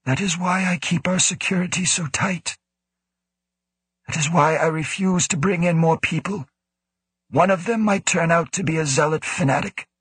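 A rasping, secretive station director who lectures in sharp, emphatic bursts, pitched well above his performer's own voice, as a man puts him on for a spoken story. The sound is dry and close, with a husky edge. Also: normal speed, no room sound. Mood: insistent. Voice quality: rasping, labored.

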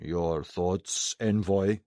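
A man's voice: low voice, drawn-out words, mellow, no echo, studio quality, pitched below the performer's own voice, exaggerated voice. A man voicing a commanding fleet admiral. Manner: clipped, commanding. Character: human male fleet admiral, brisk and commanding. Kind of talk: audiobook character voice.

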